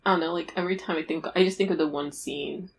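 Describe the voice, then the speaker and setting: A woman's voice: low voice, steady tone, fast talker, creaky. A woman co-hosting a podcast in casual chat, rambling with lots of "like" fillers and frequent laughter. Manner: chatty, filler-heavy, laughs often. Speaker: podcast co-host.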